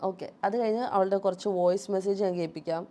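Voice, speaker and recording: A woman with a Malayali accent talks straight to her viewers about a personal falling-out. She sounds aggrieved and emphatic, pressing each point at a mid pitch. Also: steady tone, fast, mellow. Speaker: vlogger. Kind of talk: casual storytelling to viewers.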